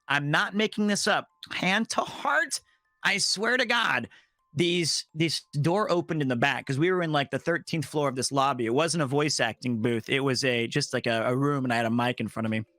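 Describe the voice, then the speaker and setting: A man and voice actor telling a strange work story in casual chat, animated and acting out the voices he quotes. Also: medium pitch, normal speed, dry recording.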